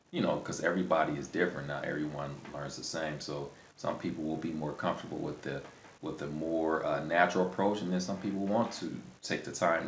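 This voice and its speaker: A man hosting a language-learning video, giving casual unscripted advice in a rambling way, often repeating and rephrasing himself. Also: extremely low pitch. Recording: roomy echo, faint background noise.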